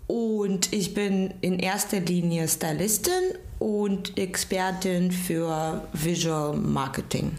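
A woman speaking as a podcast guest, pausing often and filling gaps with "ähm" as she hunts for the right word. Her voice sounds a little roomy, as if recorded in an echoey space. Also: fairly low pitch, steady tone, a little mellow. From Ukraine. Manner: hesitant, many fillers, searching for words. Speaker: guest, stylist. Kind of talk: casual interview.

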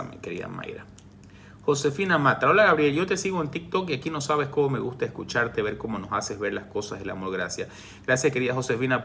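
Man in his 40s, relationship coach, live stream, frank direct advice, faint background noise. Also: medium pitch. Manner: warm direct advice, addresses viewers by name. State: coughing from reflux. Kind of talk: live stream chat reading comments.

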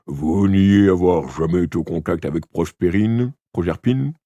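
A man's voice: warm tone, dry recording, dull audio. A man doing a weary, stern old king. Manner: slow, low and deliberate, dropping to confiding. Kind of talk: audiobook character voice.

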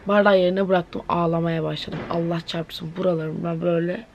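18 yr old girl vlogging at home, gravelly fry in her voice, chatty and dramatic, lots of exclamations. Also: fairly low pitch, steady tone, normal speed, slight background noise. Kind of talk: casual vlog chat to camera. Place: at home indoors.

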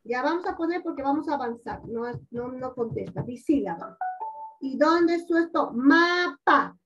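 High-pitched lady teacher on a video call, coaxing and patient, kinda distant and muffled audio. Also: expressive, soft background music. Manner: patient, coaxing, repeats words slowly. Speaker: primary school teacher. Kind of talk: online class teaching. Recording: dull lo-fi audio, distant from mic.

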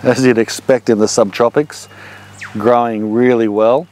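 A man's voice: mid-range voice, unhurried. Australian man chatting on a garden walk. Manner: relaxed, chatty explaining while walking. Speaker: homesteading vlogger. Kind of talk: casual garden walk-through. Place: outdoor backyard garden on a rainy day. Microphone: handheld action camera.

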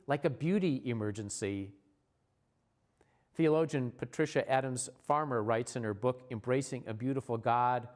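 A man, a church leader, giving a recorded sermon in a measured, earnest way, slowing down for repeated refrains. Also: mid-range voice, darkish tone.

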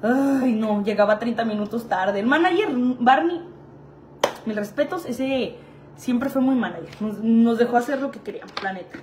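A woman's voice: fairly high pitch, expressive, moderate pace, a little mellow, a little hiss or hum. A young woman with a Mexican Spanish accent telling casual stories about her past jobs, chatty and full of slang and laughing asides. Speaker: vlogger. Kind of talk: casual storytelling.

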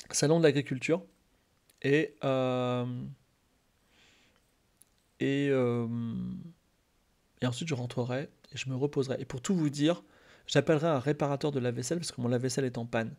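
A man talking casually to his live-stream chat, rambling with many fillers and restarts and turning animated when excited. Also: mid-range voice, normal speed, long pauses.

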